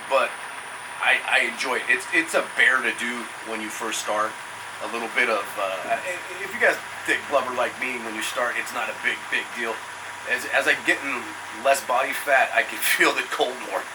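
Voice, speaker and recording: A man in his fifties rambles through a casual vlog while soaking in ice cold water, sounding slightly strained by the chill. His voice is mid-pitched and sits at a distance from the mic. A clear machine-like noise runs behind him. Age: 50s. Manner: rambling, chatty. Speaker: product reviewer. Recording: distant mic, loud steady machinery hum.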